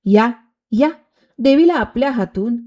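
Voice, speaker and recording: A woman voicing a nervous young palace maid who speaks briskly and coaxes in a storybook tale. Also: on the high side, lively intonation, dark tone, pitched above the performer's own voice. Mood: coaxing.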